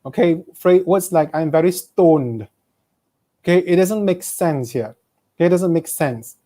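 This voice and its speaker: A man's voice: high-pitched, moderate pace, mellow. A man with a Malaysian accent teaching an online exam-prep English lesson, reading students' questions aloud and checking in with frequent "okay?".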